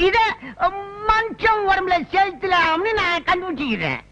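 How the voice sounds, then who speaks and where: A man's voice: very high voice, sing-song, normal speed, bright, forceful tone, dull audio, full character voice. An actor playing a boastful, eccentric male doctor who claims to have invented everything, in a theatrical film comedy. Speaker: quack doctor. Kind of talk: 1990s film comedy acting.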